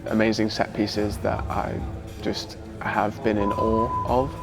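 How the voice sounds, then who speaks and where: Hesitant young man, flat low voice. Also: measured pace, over music. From Wales. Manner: thoughtful, hesitant with many uhs. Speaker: dancer. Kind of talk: documentary interview.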